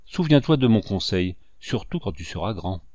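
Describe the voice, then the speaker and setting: A man's voice: on the low side, very animated, moderate pace, a little mellow, dry recording. Man reading a tender, lecturing father. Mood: earnest. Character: gentle grieving father, a grown man.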